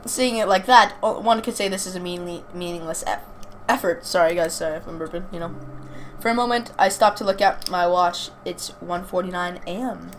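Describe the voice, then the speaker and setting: Her voice fairly low and her pace fairly quick, a young woman reads a game's text aloud and chats casually about it for a gaming video, stumbling over words at times. It's a clearly noisy amateur recording made at home.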